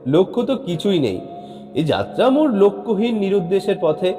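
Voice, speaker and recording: A man's voice: a little high, normal speed, dark tone, lightly acted. A man voicing an easygoing older husband who answers his wife's suspicion with banter. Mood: teasing. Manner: bantering, mock-grand. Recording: long reverb, faint background music.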